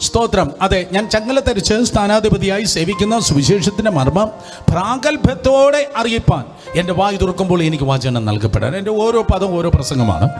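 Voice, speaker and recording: Animated high-voiced Malayalam preacher. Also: male voice, fairly quick, over music. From India. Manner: repetitive call-and-response, leads congregation in repeating phrases; peppers speech with hallelujah and praise exclamations. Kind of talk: Bible study sermon. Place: hot room with lights and fans.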